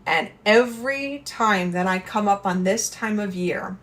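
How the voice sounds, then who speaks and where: A woman's voice: mid-range voice, measured pace, a bit bright. A woman hosting a lifestyle channel, talking earnestly and conversationally about handling stress and speaking straight to her viewers. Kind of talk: casual advice talk to camera.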